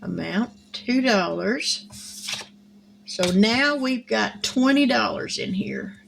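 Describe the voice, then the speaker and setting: A woman's voice: fairly high pitch, expressive, measured pace, gravelly, a bit bright, a little hiss or hum. A woman, chatting casually at home as host of her savings channel, folksy and friendly with her viewers. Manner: chatty, folksy, says y'all. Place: at home, indoors.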